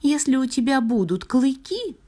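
A woman voicing a mocking female magic star in a fairy tale, speaking in a drawn-out, taunting way. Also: high-pitched, sing-song, mellow, pitched above the performer's own voice. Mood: teasing.

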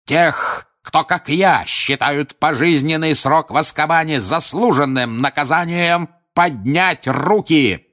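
A man voicing a hateful, stern older male judge who declaims and shouts harshly, in an audiobook. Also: fairly low pitch, unhurried. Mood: raging. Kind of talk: audiobook character voice.

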